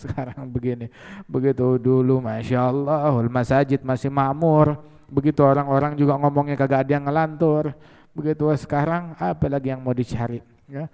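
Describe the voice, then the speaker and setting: A man's voice: mid-range voice, creaky, clean tone, long reverb tail. A man preaching a sermon, telling stories animatedly and weaving in Arabic phrases. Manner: animated storyteller who acts out quoted voices, sprinkling Arabic phrases. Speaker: religious preacher. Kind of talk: sermon with storytelling.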